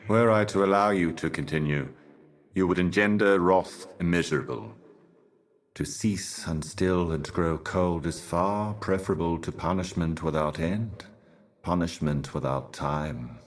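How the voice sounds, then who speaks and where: An actor playing a solemn otherworldly herald of cosmic horrors in a video game, speaking in an ominous, grandiose and cryptic theatrical manner. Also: male voice, low voice, measured pace. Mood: stern warning. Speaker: game character, messenger and guardian.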